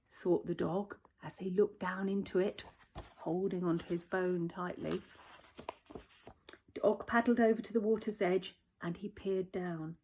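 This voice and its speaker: Reading a children's story at home, a primary school teacher uses an expressive, slightly rough mid-range voice. In the tense parts, she lowers to whispers.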